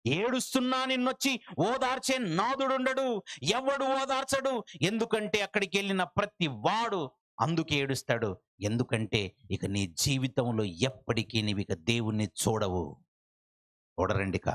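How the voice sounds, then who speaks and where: Impassioned high-voiced male preacher. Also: moderate pace. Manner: swings between loud high cries and low hushed warnings, repeating phrases. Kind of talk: impassioned revival sermon.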